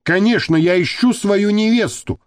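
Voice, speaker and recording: A man's voice: sits high, moderate pace, no echo, studio quality, voice pushed up, lightly acted. A man reading the part of a rude, brutish thug who growls and snaps at people. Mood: gruff. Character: rough brutish male thug, quick to snap.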